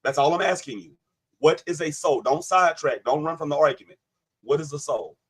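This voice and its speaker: Husky man pressing hard in debate. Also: fairly high pitch, a little fast. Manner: insistent, cuts in, repeats questions. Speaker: livestream host. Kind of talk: heated debate on a live panel.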